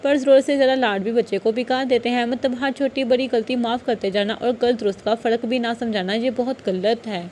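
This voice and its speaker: A woman reads a novel aloud in a steady, even storytelling manner. Her voice sits fairly high for a woman. The telling is paced for listening. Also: few pauses, a little hiss or hum. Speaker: novel reader. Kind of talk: scripted narration.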